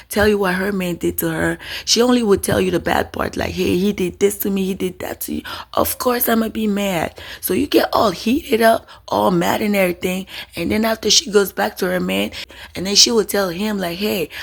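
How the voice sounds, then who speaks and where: A woman's voice: lowish voice, gravelly, husky. A woman giving casual celebrity gossip commentary to her viewers, emphatic and repetitive, often calling them y'all.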